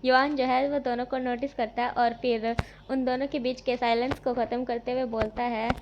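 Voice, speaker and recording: A woman's voice: fairly high pitch, flat delivery, normal speed, highs cut off, slight background noise. A woman retelling a fan-fiction love story in a casual way, with fillers and self-corrections.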